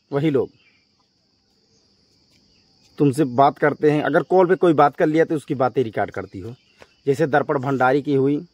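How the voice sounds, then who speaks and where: A YouTube vlogger with a medium-pitched, slightly mellow voice and a breathy edge rants confrontationally at his viewers. He scolds them emphatically and often repeats himself.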